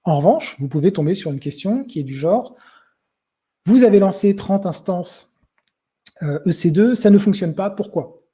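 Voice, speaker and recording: Man, webinar presenter, very mellow dark tone, husky, lots of fillers. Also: sits high, animated, normal speed. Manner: hesitant, many filler sounds, conversational. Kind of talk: explanatory webinar talk.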